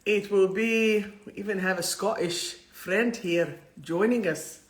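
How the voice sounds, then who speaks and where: Measured in pace and mid-range in pitch, a woman with an Israeli accent leads a chatty soul-talk livestream. She comes across as effusive and playful, wandering freely from point to point.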